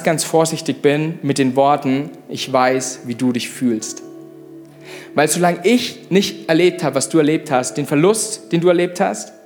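A young man preaching a sermon in a church service, in a casual, direct way with frequent "hey" asides. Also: fairly high pitch. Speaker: pastor.

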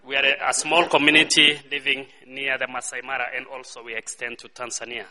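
A man's voice: medium pitch, level tone, fairly quick, in a large hall, crowd noise. A Kenyan man with a Maa first language, speaking English in short phrases as a guest in a church service, waiting for his interpreter. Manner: short phrases, calls and responses with the audience.

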